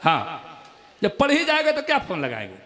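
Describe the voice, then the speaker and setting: A man with a Bhojpuri accent performing as a comic poet on stage, joking with the crowd and reciting his verses slowly. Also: high voice, wildly swooping pitch, pushed and bright, in a large hall. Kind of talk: humorous stage poetry recital.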